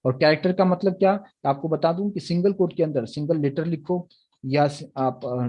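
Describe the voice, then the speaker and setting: A man's voice: on the high side, dark tone, slightly rough, muffled recording. A young man teaching a programming lecture, explaining step by step and often checking that the students follow. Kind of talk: recorded Hindi lecture on Java.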